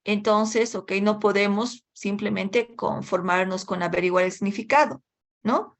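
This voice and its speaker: Woman english teacher, slow and unhurried, keeps checking in with students, mixes in english words. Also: mid-range voice, creaky. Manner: switches between English words and explanation. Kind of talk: online class lecture.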